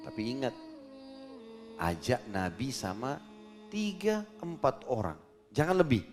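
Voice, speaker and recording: A male preacher telling a story in a sermon, acting out the dialogue with lively jumps in his voice. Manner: animated storyteller, acts out dialogue with pitch jumps.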